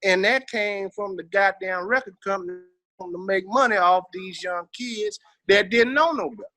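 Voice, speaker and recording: Recorded dry, a veteran rapper in his middle years, with a Southern American accent, speaks at normal speed in a high, bright, forceful voice. As an interview guest he reminisces casually, emphatic and slangy, streetwise and swearing freely.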